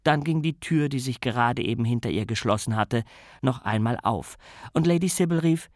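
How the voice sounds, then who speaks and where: A man narrating an audiobook in a lively, expressive way on a close mic. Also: mid-range voice, normal speed, dry recording.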